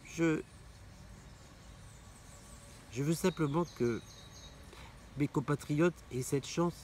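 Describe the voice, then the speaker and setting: Speaking in an unhurried, slightly mellow voice on the high side, this middle-aged Martinican opera singer responds to an interviewer with passion. He repeats phrases to stress his points, over faint background noise.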